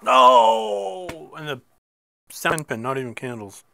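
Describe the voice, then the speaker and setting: A male gameplay host speaks slowly and expressively in a medium-pitched, sharp-toned voice. Nose stuffed up, he chats casually over a mobile bowling game, laughing at himself and breaking into sudden outbursts at his misses.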